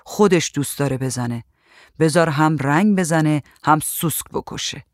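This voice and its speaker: Brief: male reader as a joking, idle husband, fairly high voice, dry room. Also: dry recording, close to an everyday voice. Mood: wry. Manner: dry, teasing replies. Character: laid-up husband, wry and teasing.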